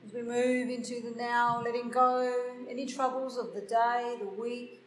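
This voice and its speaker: A woman guiding a slow meditation in a soft, hushed, unhurried voice with long pauses. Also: fairly high pitch, little pitch movement, a little hiss or hum. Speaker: podcast host and meditation guide. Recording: roomy, echoing sound with faint music.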